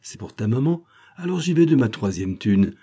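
A man voicing a cheeky young male actor-sleuth who talks in lively street slang. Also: mid-range voice, normal speed, breathy edge. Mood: bantering.

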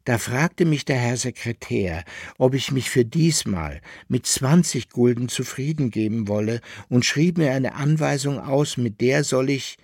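A man's voice: medium pitch, a little slow, a little mellow, husky, dry recording. A man reading the part of an indignant, grumbling middle-aged merchant who complains in an exasperated way in a radio reading. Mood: scornful.

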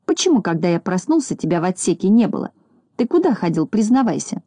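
A woman voicing a boastful, quick-tempered little boy in a children's storybook, bossy and scolding. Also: lowish voice, no echo. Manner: bossy, scolding, easily excited.

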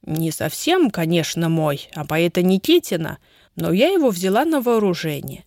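Lady reading as a soft old granny in a storybook, a bit scolding, dry close sound. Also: lowish voice, big pitch swings, moderate pace, dry recording. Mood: patient. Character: fussy kindly old grandmother.

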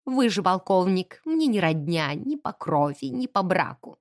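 Imperious old aristocrat, icy and clipped, low and slow, as a woman narrator puts her on, audiobook. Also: very animated, no room sound, studio quality. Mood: cold haughty. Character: haughty stern old aristocratic lady.

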